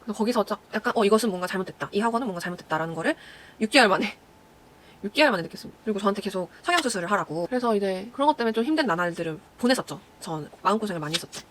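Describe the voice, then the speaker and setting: Fast-talking young Korean woman vlogger. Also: medium pitch, animated, fairly bright tone. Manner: chatty storytelling, acts out quoted people. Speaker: former announcer, vlogger. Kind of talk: casual chat to viewers while doing makeup.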